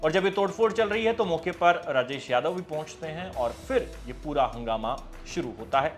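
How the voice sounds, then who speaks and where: A man hosting a news show, narrating a report in an energetic, emphatic way. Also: a little high, brisk, soft background music.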